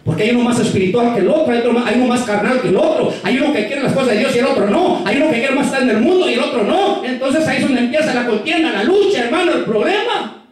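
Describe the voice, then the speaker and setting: Preacher guy with a really high voice, fervent, echoey church, far from the mic. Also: lively intonation, fast. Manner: fervent, repeatedly calling out "hermano". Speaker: pastor. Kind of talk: sermon.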